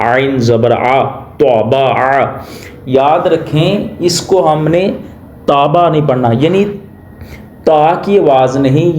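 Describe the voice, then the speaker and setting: A man's voice: mid-range voice, darkish tone. Man teaching Quran letter sounds, echoey. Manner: spells out syllables slowly, then explains quickly. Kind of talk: step-by-step recitation lesson.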